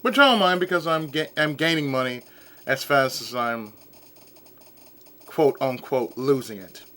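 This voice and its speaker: A man's voice: medium pitch, measured pace, fairly bright tone. A man giving casual, flippant and profane commentary as he plays a video game. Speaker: let's player.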